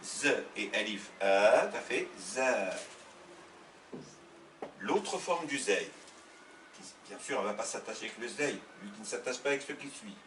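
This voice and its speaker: A man's voice: on the low side, animated, a bit bright, a little hiss or hum. Patient male teacher, roomy sound. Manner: slow, patient, spells out sounds. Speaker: Arabic teacher. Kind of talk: classroom lesson. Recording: roomy sound from a distant mic.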